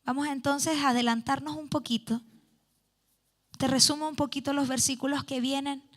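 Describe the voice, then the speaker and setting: A woman's voice: high voice, fairly even intonation, normal speed. A woman preaching a youth sermon in church, reading scripture aloud and explaining it earnestly. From Chile.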